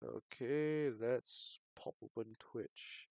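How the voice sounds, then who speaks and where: His voice is mid-range, gravelly and a little mellow, and he speaks extremely slowly with no echo on the recording. He's a streamer livestreaming a visual novel with game music behind him, rambling hesitantly and often mumbling.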